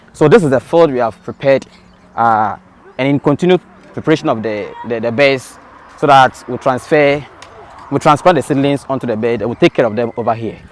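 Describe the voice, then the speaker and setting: A man explaining the school farm outdoors, pausing as he searches for words. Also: medium pitch. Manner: explanatory, hesitant with fillers. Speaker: school farm staff guide.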